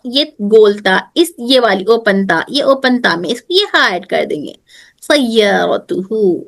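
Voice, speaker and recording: Woman teacher, repeating and checking often. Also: a little high. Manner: mixes Hindi with English phrases. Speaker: Arabic teacher. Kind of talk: online grammar class.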